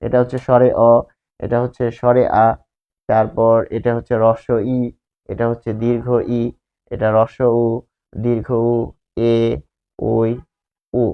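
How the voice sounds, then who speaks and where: A man's voice: mid-range voice, monotone, a little slow, long pauses. Man, grammar teacher, explanatory, asks himself questions, lo-fi sound. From Bangladesh. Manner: explanatory, pointing things out, asks and answers his own questions. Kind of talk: classroom lesson explaining slides. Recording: slightly dull lo-fi recording.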